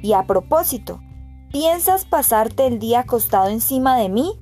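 A woman's voice: a little high, lively intonation, moderate pace, mellow, soft background music. A woman voicing a grumpy, arrogant little male rabbit in a storybook reading, grumbling and scolding. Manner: grumbling, know-it-all scolding.

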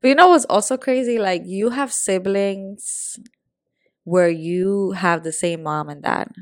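A woman's voice: medium pitch, measured pace, no echo, studio quality. A young woman from Puerto Rico and the Dominican Republic co-hosting a podcast, talking in a casual, candid and slangy way. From born in Puerto Rico, raised in the Dominican Republic. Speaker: podcast co-host. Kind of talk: casual chat.

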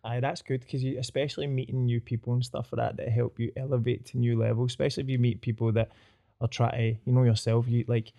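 A man speaks with a Glasgow street accent in a soft-edged, relaxed tone. He is a podcast guest chatting casually and sharing personal anecdotes. His talk is full of slang and swearing, with "mate" dropped in often. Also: mid-range voice, fast, gravelly.

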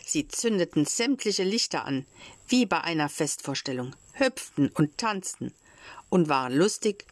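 Woman storyteller, slow audiobook read, lowish voice, dry close sound. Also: dry recording. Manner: calm, measured storytelling. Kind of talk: audiobook reading of a children's classic.

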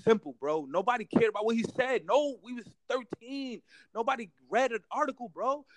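A man's voice: very high voice, a little fast, low-quality recording. A young American man in a heated casual debate, emphatic and repetitive, full of slang and constantly saying bro.

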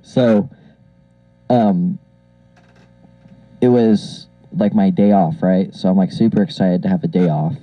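A man's voice: low-pitched, slow pace, long pauses, no echo. A young man co-hosting a casual podcast through an old karaoke microphone that makes him sound like a pilot on an intercom, rambling and laughing often. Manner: rambling, laughs a lot, filler-heavy. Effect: muffled karaoke-machine mic, like a pilot on an intercom. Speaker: podcast co-host. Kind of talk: casual chat. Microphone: old karaoke machine microphone. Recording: dull lo-fi karaoke mic, dry.

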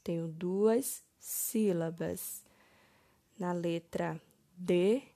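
A woman teacher, slowly correcting first-grade homework step by step, stressing each word. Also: mid-range voice, a little mellow, dry recording, clean studio sound.

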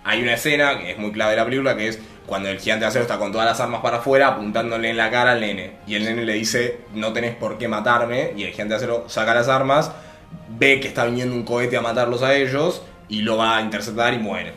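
A man's voice: medium pitch, steady tone, fast, sharp tone. Rioplatense male podcast co-host, rambling explainer, echoey room, faint music. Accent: Rioplatense Spanish. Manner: rambling, explains at length, laughs often. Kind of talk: casual chat.

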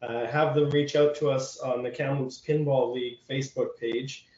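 A man's voice: medium pitch, steady tone, normal speed, a little mellow. A man, a guest organizing a local league, chatting in an upbeat way. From Canada. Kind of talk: casual chat. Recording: dull, roomy remote audio.

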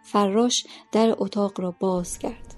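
A woman narrating a short story for a podcast in a calm, measured reading voice. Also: medium pitch, faint music behind.

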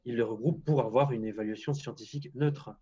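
A man's voice: medium pitch, brisk, mellow, muffled recording. A man speaking as a guest scientist in a casual interview, frank and hesitant, often restarting his sentences.

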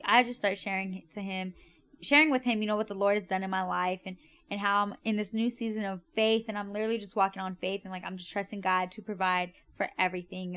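A woman's voice: medium pitch, a bit bright, clean tone. A young woman hosting a podcast, telling a personal story in a chatty way, full of "like" and "right?". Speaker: podcast host. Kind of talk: casual storytelling.

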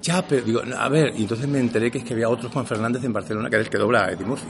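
Rapid-fire and mid-range in pitch, a middle-aged man from Seville who works as an actor talks casually in an interview. He brings his anecdotes to life by acting out the quoted lines, speaking neutral Castilian Spanish professionally and Andalusian at home.

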